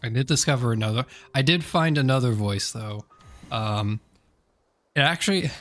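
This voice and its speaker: A man's voice: medium pitch, moderate pace, soft background music. A man with a slightly sore throat chatting casually on a gaming stream, rambling and correcting himself with many fillers.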